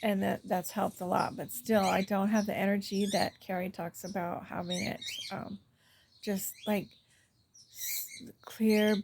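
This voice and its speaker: A middle-aged woman rambles through a casual vlog in a tired, gravelly voice, often sinking to a near whisper. Her pitch sits in an ordinary middle range, and faint noise hangs in the background. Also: level tone, a little slow. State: tired after a night shift. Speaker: vlogger.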